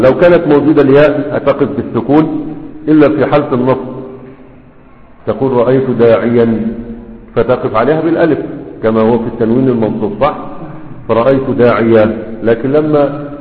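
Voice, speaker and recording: A man leads a classroom lesson, reading out a text and then patiently unpacking it. He keeps pausing to check that his students are following. His voice comes through thin and phone-like, with a long echo around it as if recorded in a big hall. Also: mid-range voice. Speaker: sheikh teaching Arabic morphology. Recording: tinny, phone-like sound in a long echoing hall.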